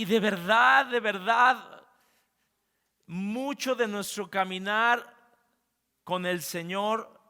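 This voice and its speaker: High, bright pastor preaching. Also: male voice, long reverb tail. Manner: animated, swings between loud and hushed, talks straight to the congregation. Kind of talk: sermon. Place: church sanctuary.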